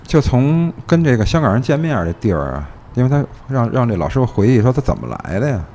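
A man's voice: mid-range voice, big pitch swings, quick pace, mellow, slight background noise. A man with a Beijing accent tells a story casually in conversation, in colloquial language, repeating phrases and checking that listeners follow. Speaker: guest recounting police investigations.

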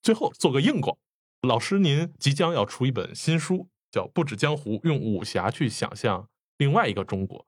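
Lively-voiced male interviewer. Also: mid-range voice, moderate pace, breathy edge, no echo, studio quality. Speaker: interviewer host. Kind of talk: interview questions.

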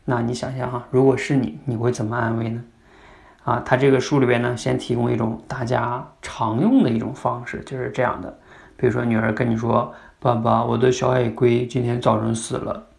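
Gravelly-voiced man hosting a podcast. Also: mid-range voice, steady tone, a little fast, a little mellow. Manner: conversational, asks listeners questions. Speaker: podcast host teaching communication. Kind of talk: explanatory podcast talk.

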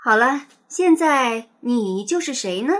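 A woman voicing a patient kindergarten teacher who gently coaxes the children with questions in a storybook reading. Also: a little high, animated, slow pace, exaggerated voice. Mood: coaxing.

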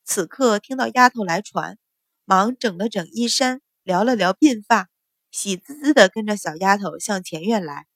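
Woman, audiobook narration, steady even reading, dry close sound. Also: medium pitch, normal speed, no echo. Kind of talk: scripted storybook narration.

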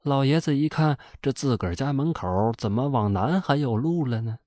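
A man narrating a folk ghost story in an animated, colloquial way. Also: mid-range voice, normal speed, no echo, studio quality.

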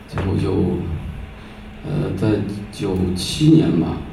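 Echoey hall sound. Male musician, mellow low voice, halting informal stage delivery. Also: animated, creaky. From Xi'an, Shaanxi, China. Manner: halting, pausing often. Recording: echoey hall, distant mic, faint noise.

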